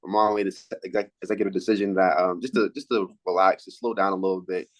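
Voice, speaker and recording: A young man in his late teens, a high school athlete, answering casual interview questions in a halting way, repeating words as he thinks. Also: steady tone. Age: late teens, high school senior.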